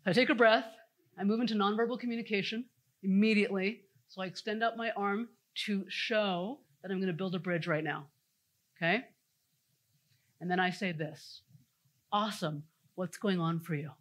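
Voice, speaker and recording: A woman giving an energetic conference talk, telling stories and speaking straight to the audience. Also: medium pitch, moderate pace. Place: conference stage before an audience.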